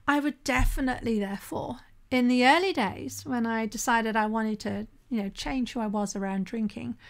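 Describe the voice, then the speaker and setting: A middle-aged woman, a podcast host and sober-living coach, delivers a solo podcast monologue in a slightly high voice. She speaks loosely and conversationally, occasionally restarting a phrase and often asking "right?" to keep the listener with her.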